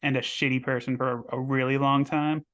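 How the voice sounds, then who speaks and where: A man co-hosts a podcast while losing his voice, so he sounds hoarse. He talks bluntly and swears freely. His pitch stays flat and even. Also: a little fast. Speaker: podcast co-host. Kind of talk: casual chat.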